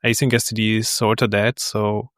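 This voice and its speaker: Measured man hosting a tech interview. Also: fairly low pitch, little pitch movement, a bit bright, dry recording, studio quality. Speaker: podcast host. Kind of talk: interview questions.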